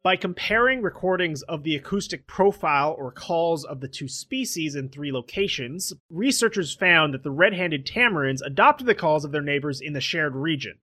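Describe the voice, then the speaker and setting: A man's voice: a little high, expressive, normal speed, hardly any pauses, sharp tone. A man co-hosting a casual podcast, reading news items aloud and adding jokey asides. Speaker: podcast co-host.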